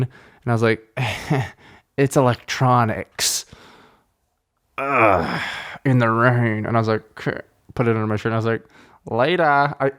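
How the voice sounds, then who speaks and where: A man hosts his podcast solo, talking loosely and cheerfully with plenty of swearing. His voice sits at an ordinary middle pitch. He speaks indoors into a podcast microphone. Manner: rambling, profane, upbeat. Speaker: podcast host. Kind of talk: casual solo podcast chat. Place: indoor room.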